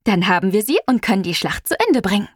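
A woman voicing an excitable teenage girl, the narrator's clever best friend, who lays out plans eagerly and a little breathlessly. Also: mid-range voice, fast talker, breathy edge, dry recording, studio quality.

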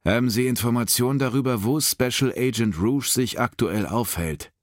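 A man playing a zealous, self-righteous American agent in an audiobook, sanctimonious and quick to shout. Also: medium pitch, no room sound, studio quality, voice pushed up, natural voice. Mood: pressing.

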